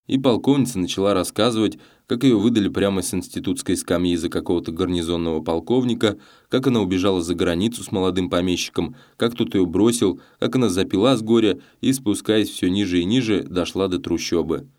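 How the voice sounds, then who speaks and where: A man narrating an audiobook in a measured storytelling voice. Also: deep voice, darkish tone. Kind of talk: scripted narration.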